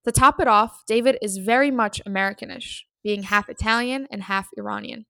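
A woman's voice: on the high side, a little fast, sharp tone, dry recording. A woman hosting a podcast, reading scripted introductions and narration. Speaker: podcast host.

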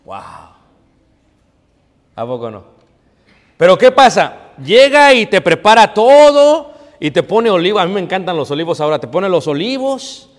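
A male pastor delivers a conversational sermon in a high voice. He keeps prompting his congregation to finish the verses. A long reverb from the large hall follows his words. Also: sing-song, normal speed.

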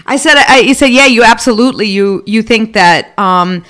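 A woman's voice: on the high side, moderate pace, a bit bright. A woman hosting a podcast, asking questions in a friendly, enthusiastic way. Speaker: podcast host. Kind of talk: podcast interview.

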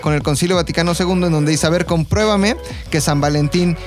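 This podcast co-host recounts history as casual gossip, using slang and made-up quotes in an informal way. He's a man with a Mexican accent, a slightly high voice, and a fairly quick pace. There's music in the background.

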